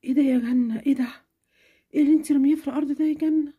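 A caring cartoon mother, as a woman puts her on, gentle and affectionate with an Egyptian accent. Her voice is pitched lower than the child's, mellow and dark in tone. She turns firm and quicker when she scolds. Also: husky, natural voice. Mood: scolding. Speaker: cartoon character.

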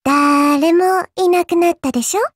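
A dainty little girl character from a Japanese mobile game delivers voice lines in an extremely high, childlike, cutesy voice at a moderate pace. She sounds haughty and disdainful, her prim, polite words laced with teasing condescension and a cruel streak. The recording is close and dry with no room sound.

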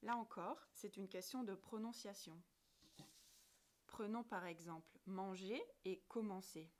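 Slow, carefully spoken woman teacher. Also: medium pitch, a little mellow. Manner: slow, careful articulation, spelling out letters one by one. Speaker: French language teacher. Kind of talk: scripted grammar lesson narration.

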